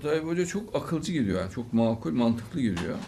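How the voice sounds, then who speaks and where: Gravelly man giving blessings. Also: medium pitch, big pitch swings, moderate pace, mellow. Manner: showers guests with religious blessings and praise. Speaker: host. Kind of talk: studio talk show commentary.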